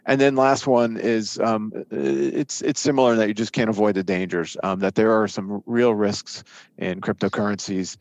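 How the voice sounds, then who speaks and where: A man speaking as an expert interview guest, giving conversational market analysis in a halting way, often repeating and restarting words as he thinks. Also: fairly low pitch, steady tone, darkish tone, no room sound.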